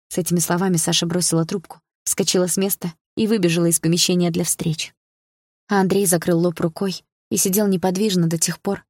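A woman narrating an audiobook, fairly low and husky, with a measured, even delivery. The sound is dry and close. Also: dry recording. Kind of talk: scripted narration.

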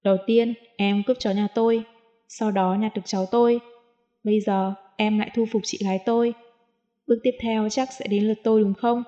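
A woman reads the part of a playful young man who teases and coaxes in a mellow, low-key tone. The sound is a bit dull and lo-fi, like an audiobook. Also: steady tone, fairly quick, lightly acted. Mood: teasing. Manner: teasing, coaxing.

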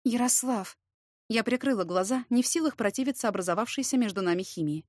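A woman's voice: medium pitch, quick pace, a little mellow, no room sound. Woman narrating a novel in a dry voice. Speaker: audiobook narrator. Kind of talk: first-person novel narration.

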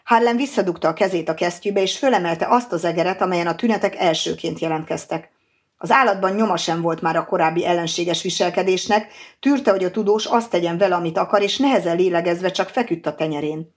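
A woman narrating an audiobook in a steady, even reading voice. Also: on the low side. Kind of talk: scripted narration.

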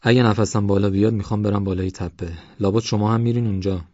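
A blustering village elder past eighty, voiced by a man, dry and teasing with a husky edge. The sound is close and dry, a little dull in the highs. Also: steady tone, a little mellow, dry recording, natural voice. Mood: gruff teasing. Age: over 80. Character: gruff old village man, former field guard.

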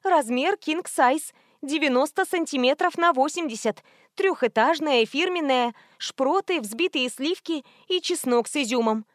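A woman reads a shrill, squeaky pizza-shop lady pushing an outlandish order in a storybook prank call. The voice sits high and piercing. The recording is close and completely dry. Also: animated, unhurried, no echo. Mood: mock insistent. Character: squeaky phony pizza-delivery woman, actually a joking man.

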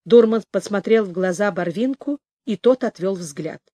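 A woman's voice: medium pitch, no room sound. Woman reading an audiobook, dry sound. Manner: measured, expressive reading. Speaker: audiobook narrator. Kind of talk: scripted narration.

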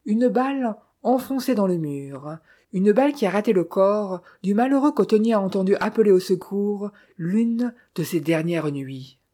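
A woman reading the lines of a small, courteous older male detective in formal, measured speech. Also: mid-range voice, expressive, warm tone, natural voice.

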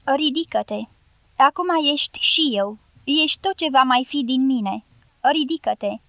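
A woman voicing a wounded American dynamiter who speaks in a measured, firm, commanding way, in an audiobook. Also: high voice, a bit bright, dry recording. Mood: tender, firm.

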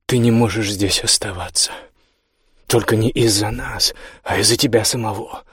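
A desperate young woman, tearful and pleading, her words breaking toward cries, as a male narrator puts her on. The voice is husky and close, with a dry sound. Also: lowish voice, fairly even intonation, moderate pace, a bit bright, no echo. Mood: urgent. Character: frantic young woman hiding a friend. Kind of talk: audiobook character voice.

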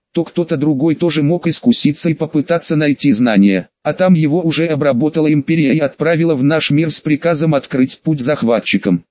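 A man reads a fantasy audiobook in the first person, telling the story in a steady, matter-of-fact way. His voice sits a little high for a man. The recording is dull and lo-fi, with a dry, close sound. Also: no echo. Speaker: audiobook narrator.

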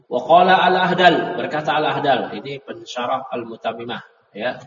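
In a grammar lesson recorded from afar in a dull, echoey hall, a religious teacher translates a text phrase by phrase and corrects his students, leaning on the fillers "ya" and "nah." His mid-range voice is a bit bright and moderately paced, with slight background noise.

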